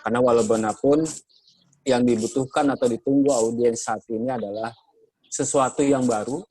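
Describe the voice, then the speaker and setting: An Indonesian man moderating a journalism training session, speaking in a measured way with many hesitations. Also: mid-range voice, fairly even intonation, mellow, breathy edge, low-quality recording. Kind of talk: workshop moderation, lecturing.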